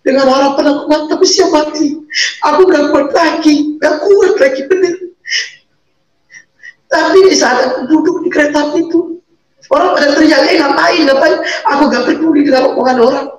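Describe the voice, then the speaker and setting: A woman's voice: high-pitched, a little fast, pauses often, roomy sound, recorded from a distance, rough recording. A woman, a convert and single mother, tells her life story in earnest over a video call, repeating key words for emphasis.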